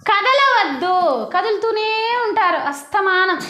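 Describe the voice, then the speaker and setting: Woman, schoolteacher, very high voice, coaxing prompts, echoey classroom, faint hiss. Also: animated, a little slow, sharp tone. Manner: coaxing, repeats prompts to children. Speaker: primary school teacher. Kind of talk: classroom lesson.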